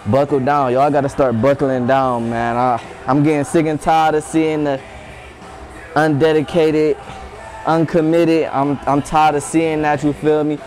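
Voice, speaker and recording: Casting: young American man, mid-pitched, slangy motivational fitness vlogger talking casually, music behind. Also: darkish tone. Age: young adult. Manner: slangy, repeats a catchphrase. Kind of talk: casual motivational talk to camera. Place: small wood-panelled indoor room.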